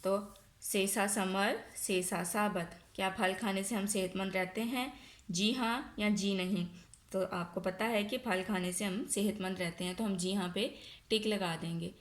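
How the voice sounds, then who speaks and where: A woman with a Pakistani accent, a nursery teacher giving a recorded online lesson, asking questions and answering them herself, stretching words out slowly. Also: mid-range voice, steady tone. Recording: echoey room.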